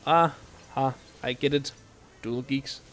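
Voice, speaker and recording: Faint game music sits behind a young Danish man streaming gameplay and chatting informally with viewers in a non-native tongue. His pitch is medium, with slight background noise on the recording. He sounds relaxed yet halting, with lots of ums and restarts.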